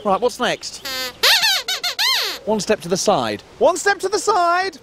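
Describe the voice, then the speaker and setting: Kids show host type, fussy excitable trip leader for children's TV comedy, very animated, noisy backdrop. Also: male voice, very high voice, slow pace, exaggerated voice. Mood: flustered. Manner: kids show host, exclaiming and mock-stern. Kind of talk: scripted children's comedy acting.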